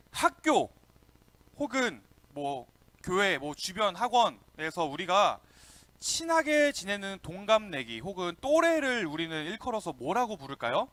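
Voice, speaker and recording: Lively high-voiced young man preaching to kids. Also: no echo. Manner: lively, calls out to kids and asks questions. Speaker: youth pastor. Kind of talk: children's sermon.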